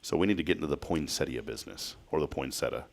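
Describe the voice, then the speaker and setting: A man's voice: very deep voice, expressive, rapid-fire, a little mellow. A man hosting a casual morning talk show from a small studio, joking as he reads news items and quizzes his co-hosts. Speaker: host. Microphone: headset.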